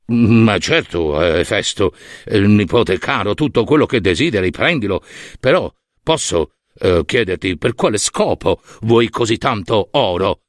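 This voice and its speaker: Man as a jovial underworld uncle, low and drawling, teasing, dry. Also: lively intonation, a little slow, no room sound.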